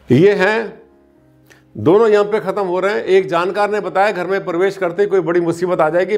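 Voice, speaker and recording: Man with a somewhat high voice, an easygoing consultant who teases and quizzes his viewers, over soft music. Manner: colloquial and teasing, with rhetorical questions. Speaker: vastu consultant. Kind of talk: casual spoken explainer to camera.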